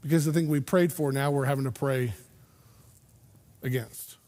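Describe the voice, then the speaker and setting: A man's voice: medium pitch, fairly even intonation, moderate pace, a little mellow, in a large hall. A man preaching a sermon as pastor, in a conversational way with self-deprecating humor, often repeating words as he thinks aloud.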